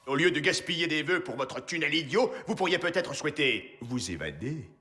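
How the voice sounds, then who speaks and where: A man's voice: on the high side, moderate pace. A man voicing a sly, mocking genie who grants wishes in a cartoon. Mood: sarcastic. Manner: sarcastic, deadpan. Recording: cartoon dub with loud music.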